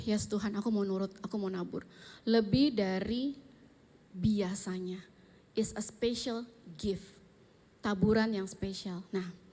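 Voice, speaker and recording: A woman giving a church testimony, animatedly acting out her prayers and mixing in English phrases. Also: medium pitch. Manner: animated, acts out dialogues in prayer, mixes in English. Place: large indoor church venue.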